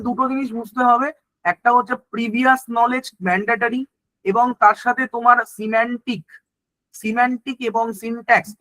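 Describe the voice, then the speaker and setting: A man's voice: high voice, bright, forceful tone, dry recording, low-quality recording. A man teaching an exam-prep lesson. He explains in Bengali mixed with English terms and keeps checking that the class is following.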